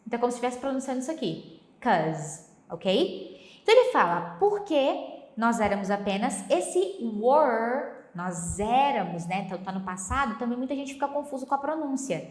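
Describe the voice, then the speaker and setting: A woman from Brazil teaching English pronunciation through a song, explaining step by step and slowly repeating lyric lines. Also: a little high, very animated, darkish tone, roomy sound.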